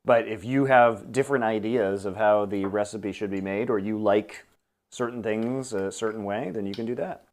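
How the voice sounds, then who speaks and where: A man's voice: on the low side, steady tone, moderate pace. A man hosting a casual cooking stream, explaining each step aloud with dry, teasing humor. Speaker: cooking show host.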